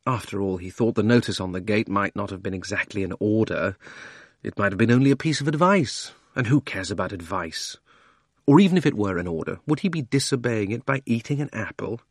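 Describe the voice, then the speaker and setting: A man's voice: fairly low pitch, animated, brisk, dry recording, studio quality. Man reading a children's audiobook. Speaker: audiobook narrator. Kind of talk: storybook audiobook narration.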